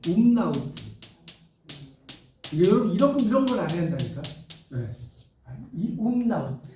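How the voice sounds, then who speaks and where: Male lecturer, chatty and questioning, high-pitched, recorded in a roomy classroom. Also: big pitch swings, a little fast, warm tone, slight background noise. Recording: roomy classroom sound, mic far off.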